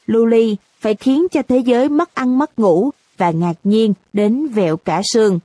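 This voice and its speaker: A brash teenage classmate makes a fiery, proud speech to a friend, read by a woman. The voice sits fairly high and sounds close and dry. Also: a little mellow, no echo, lightly acted. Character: bold, boastful teenage classmate.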